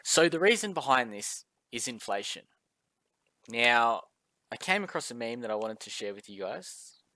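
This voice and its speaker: A man teaches a recorded maths lesson, talking casually and filling pauses with ums and uhs. His voice sits at an ordinary pitch, and the recording is dry and close with no room sound. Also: big pitch swings, pushed and bright, dry recording. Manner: casual, friendly, chatty with filler words.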